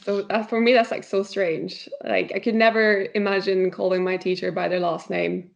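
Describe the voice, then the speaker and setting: A woman in her thirties from Norway chats easily as a podcast guest. Her speech is relaxed and loose, full of fillers and restarts. Her pitch sits mid-range, and the audio is a little dull and lo-fi. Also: moderate pace, gravelly. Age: 30s. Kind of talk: casual chat.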